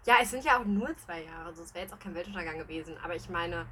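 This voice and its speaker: Bright young woman in casual chat. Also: fairly low pitch, racing, a little hiss or hum. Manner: laughing, teasing, lively banter. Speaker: podcast co-host. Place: flat.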